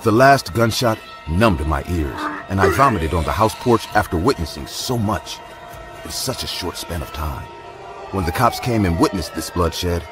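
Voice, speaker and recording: A man giving a measured, dramatic scripted narration of a horror story. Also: sits low. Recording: narration over loud music.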